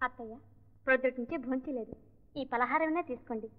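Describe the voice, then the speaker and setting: An actress playing a gentle, meek young daughter-in-law who pleads softly, in 1960s film acting. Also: female voice, high-pitched, fast talker, lightly acted. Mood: pleading. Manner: soft, pleading. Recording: tinny, echoey old film sound.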